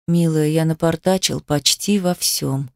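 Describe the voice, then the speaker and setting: A woman voicing a tender, brooding young stepbrother in a murmuring, lowered voice, in a romance audiobook. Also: a little slow, vocal fry, no room sound, studio quality.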